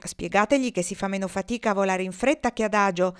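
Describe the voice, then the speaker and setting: A woman's voice: medium pitch, fast talker, clean tone, lightly acted. A woman voicing a proud, bossy female wild goose leading the flock in a storybook reading, curt and impatient.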